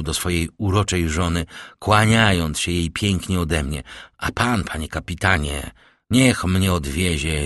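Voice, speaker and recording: A man reading the part of a calm, worldly nobleman who speaks with smooth, measured courtesy. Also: deep voice, no echo, studio quality. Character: suave worldly nobleman, calm and gently teasing. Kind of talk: audiobook character reading.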